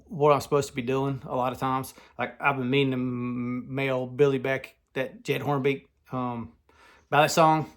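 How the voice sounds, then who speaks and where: Male vlogger with a Southern US accent, mid-range voice, rambling and unscripted. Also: mid-range voice. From Southern United States. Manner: rambling, loose, lots of fillers and restarts. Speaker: knife collector vlogger. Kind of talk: casual chat.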